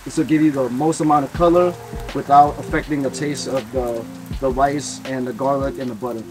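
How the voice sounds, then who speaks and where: A man's voice: mid-range voice, fairly even intonation, a little fast, low-quality recording. A man in his thirties speaking as a teppanyaki chef, giving casual step-by-step cooking instructions while he works. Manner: step-by-step, explanatory teppanyaki chef talk while working at the griddle. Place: outdoor covered deck by water. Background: music, sizzling griddle, utensils stirring.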